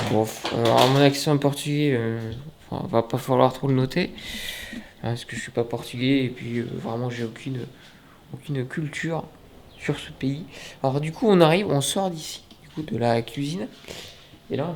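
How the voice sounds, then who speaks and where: A man chatting casually as he films a tour of a holiday apartment, joking and filling pauses with hesitations. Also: mid-range voice, slight background noise. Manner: chatty, joking, many fillers. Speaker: vlogger. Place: indoors and on a balcony.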